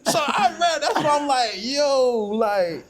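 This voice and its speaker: A man's voice: extremely high pitch, very animated, moderate pace, a bit bright, a little hiss or hum. A man, talking about faith in a casual podcast chat, emphatic and preachy, repeating phrases for weight. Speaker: podcast host.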